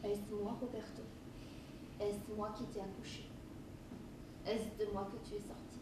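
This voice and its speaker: A woman playing a frightened grieving mother on stage, pleading and shrill when scared. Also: level tone, measured pace, natural voice. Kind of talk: stage play performance. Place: theatre stage. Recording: echoey hall, distant mic, noisy.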